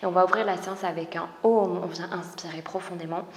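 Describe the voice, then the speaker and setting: A woman with a French accent guiding a yoga class, giving soft, calm breathing cues that often drop to a whisper. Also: on the low side, quick pace. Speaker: yoga teacher and spiritual coach. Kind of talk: guided yoga class instruction. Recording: roomy echo with long reverb, faint background noise.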